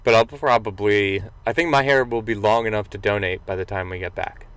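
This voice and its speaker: Low-voiced laid-back young man chatting. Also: brisk, clear, resonant tone, no echo. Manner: relaxed, joking, swears casually. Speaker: podcast co-host. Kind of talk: casual chat.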